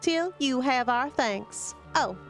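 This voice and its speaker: A woman reading game dialogue aloud, voicing a hearty, rough-spoken forest worker with an earthy dialect and rough exclamations. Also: sits high, expressive, slow pace, faint music behind, full character voice. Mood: cheerful. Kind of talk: reading video game dialogue in character voices.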